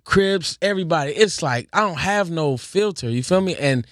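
A young man, a rapper as guest, talking in slangy, animated casual interview chat. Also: moderate pace, no echo, clean studio sound. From Inglewood, Los Angeles. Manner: animated, slangy, swings between high and low pitch.

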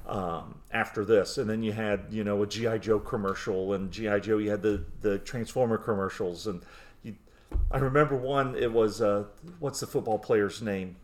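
Low-voiced nostalgic man in his forties. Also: fairly even intonation, moderate pace, darkish tone. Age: 40s. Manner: nostalgic, rambling with restarts. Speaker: podcast co-host. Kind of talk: casual chat.

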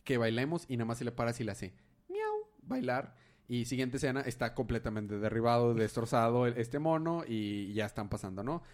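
A man's voice: mid-range voice, fast talker, few pauses. Man recapping comics. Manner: animated storytelling, quotes characters. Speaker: podcast co-host. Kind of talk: casual comic-book recap chat.

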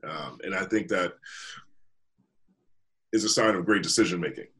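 A man's voice: sits low, moderate pace, a bit bright. A man guest on a podcast, chatting casually and animatedly, laughing often and thinking aloud with fillers. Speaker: podcast guest, hip hop journalist.

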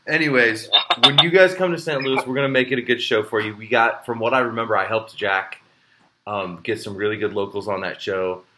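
A man's voice: fairly low pitch, a little fast, noisy background. A man hosting a casual podcast chat, rambling with plenty of fillers and restarts. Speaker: podcast host and show promoter.

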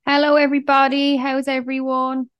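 A woman's voice: high voice, monotone, normal speed, muffled recording. A woman chatting casually as a podcast co-host. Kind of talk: casual gossip chat.

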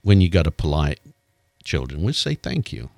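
An older man co-hosting a radio show recalls old times in a reflective way. His voice is very deep yet moves a lot in pitch. The studio mic sounds close and dry. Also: very animated, normal speed, gravelly, a little mellow, dry recording. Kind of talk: casual chat.

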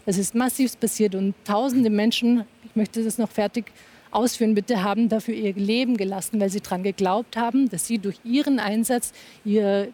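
A woman from Afghanistan argues with passion on a television panel. Her voice is mellow and warm rather than bright. She keeps pressing her point and talks over anyone who cuts in. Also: mid-range voice, fairly even intonation, moderate pace. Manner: insistent, impassioned, talks over interruptions. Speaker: panel guest. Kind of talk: heated TV panel debate.

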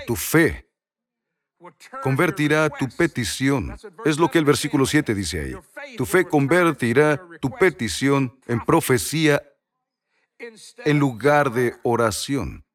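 A man's voice: medium pitch, expressive, measured pace. A man preaching a sermon, repeating key phrases and asking the congregation rhetorical questions.

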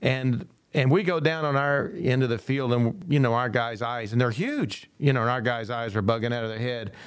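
Lively storytelling man, dry close sound. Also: medium pitch, moderate pace, smooth, no echo. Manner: animated storyteller who acts out dialogue and laughs often. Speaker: speaker and former football coach. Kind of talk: storytelling in a podcast conversation.

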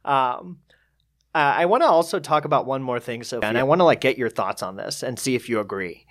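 A young man co-hosting a podcast, thoughtful and measured, offering polite pushback. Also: mid-range voice, animated, fairly bright tone. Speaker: podcast co-host. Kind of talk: casual chat.

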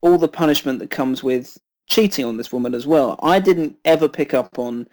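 A man co-hosting a film podcast, calmly and politely arguing his side in casual chat. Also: medium pitch, normal speed, rough recording. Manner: calm, reasoned, disagreeing politely.

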